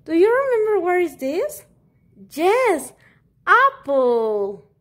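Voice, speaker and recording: A woman's voice: very high-pitched, big pitch swings, slow pace, exaggerated voice. A woman voicing a cheerful little puppet dog, teaching toddlers simple words with encouraging repetition, as in a children's lesson. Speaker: preschool English teacher.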